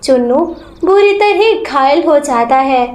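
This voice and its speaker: A woman narrating a children's animal fable in a measured, dramatic way. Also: sits high, animated, darkish tone. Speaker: storyteller. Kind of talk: storybook narration. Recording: roomy echo.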